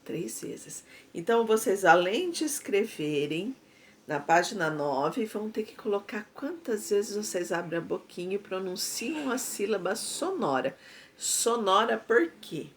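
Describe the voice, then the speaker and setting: A woman's voice: medium pitch, big pitch swings, slight background noise. A Brazilian Portuguese woman teaching a first-grade class, patiently explaining and sounding out syllables. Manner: patient, drawn-out syllables, frequent "tá?". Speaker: primary school teacher. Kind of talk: slow explanatory class lesson.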